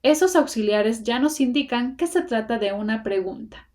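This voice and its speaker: A woman teaching an English grammar lesson in Spanish, explaining step by step in a patient way and pronouncing the example sentences slowly and carefully. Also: fairly high pitch, lively intonation, darkish tone.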